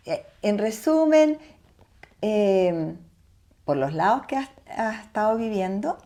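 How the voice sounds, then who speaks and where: A woman host with a mellow, darker voice leads the interview at a mid pitch. She welcomes her guest and asks about her life. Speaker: host and novelist. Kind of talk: interview hosting.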